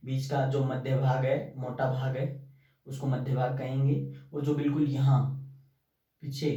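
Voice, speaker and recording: A man teaching a class, asking his pupils questions and answering them himself in a drawn-out, repetitive way. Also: medium pitch, dark tone. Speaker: Hindi teacher. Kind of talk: classroom lesson. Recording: very echoey room, from far off.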